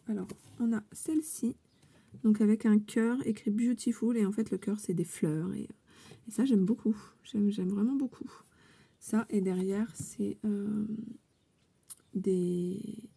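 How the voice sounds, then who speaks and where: A woman's voice: medium pitch, creaky, slightly rough. A woman in a casual scrapbooking unboxing chat, hesitant with many fillers, sometimes dropping to a whisper. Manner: chatty, hesitant, with many fillers and soft asides; drops to a whisper now and then. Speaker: scrapbooking vlogger opening a contest entry.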